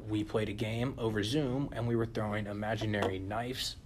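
A young man co-hosting a podcast in casual chat, animated and often turning to listeners with "listen". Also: fairly low pitch, normal speed, a little hiss or hum. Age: young adult. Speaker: podcast co-host.

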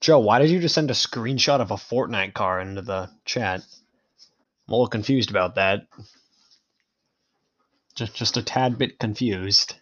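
Casting: young adult man, fairly low voice, casual joking gamer-bro banter among friends, dull lo-fi recording. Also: normal speed, pauses often, fairly bright tone. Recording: dull lo-fi mic sound.

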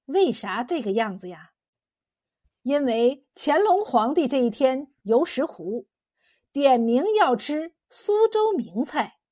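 A woman telling a folk tale in a lively, expressive storytelling manner, asking the listener questions along the way. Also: high-pitched.

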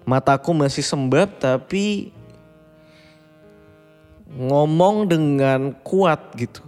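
A man's voice: on the high side, a little mellow. A man in his twenties hosting a casual bedtime podcast, talking in a reflective, confiding way and slipping in English phrases. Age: 20s. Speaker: podcast host. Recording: long reverb with faint background music.

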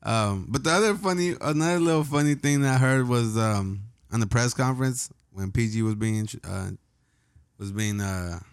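A man's voice: medium pitch, moderate pace, clear, resonant tone, dry recording, studio quality. A man in a casual basketball chat, easygoing and slangy with a teasing streak.

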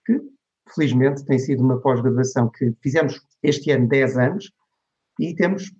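A man's voice: medium pitch, normal speed, darkish tone. A middle-aged man from Portugal with a European Portuguese accent, a lecturer telling stories in an interview and voicing the people he quotes. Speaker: guest, digital marketing lecturer. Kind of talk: conversational interview storytelling. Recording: dull lo-fi recording.

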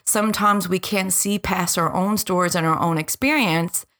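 A woman in her forties with a slightly low voice gives a personal, reflective monologue as a podcast host. She speaks directly to listeners in an earnest, deliberate way. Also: fairly even intonation, fairly bright tone.

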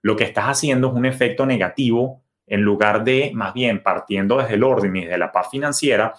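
A middle-aged man talks through a personal finance podcast episode alone. He sounds earnest and coaching, and he leans on homely examples. His voice sits fairly low. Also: fairly quick. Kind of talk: monologue podcast.

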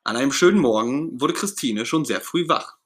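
A man reading a children's story aloud as narrator, in an expressive, gentle storytelling manner. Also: mid-range voice, normal speed.

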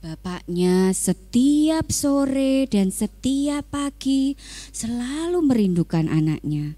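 A woman's voice: high-pitched, takes it slowly. A woman telling a Bible story to Sunday school children and quizzing them. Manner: animated, asks children questions.

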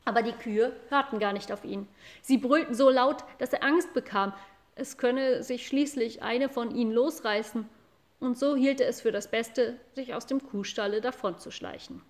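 A woman reads a classic children's story aloud as audiobook narration. Her pace is calm and measured, and her voice sits a little high for a woman.

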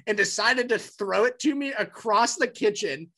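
A man's voice: high-pitched, moderate pace, pushed and bright. A young man co-hosting a podcast, telling stories and teasing his friends. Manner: teasing, tells stories with a laugh. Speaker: podcast co-host. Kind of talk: casual storytelling chat.

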